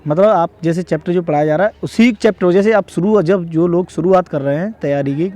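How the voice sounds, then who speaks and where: A fairly quick, dark-toned voice that sits high belongs to a young exam-advice vlogger from northern India. Casual and explanatory, he repeats himself and often seeks agreement with tag questions to confirm his audience follows.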